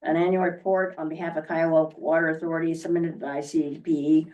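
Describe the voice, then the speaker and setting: A woman speaks at a public board meeting, a bit low-pitched and picked up from some distance across the room. She talks in a halting, questioning way and stops often to search for the right words. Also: flat delivery, a little mellow, highs cut off. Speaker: board member.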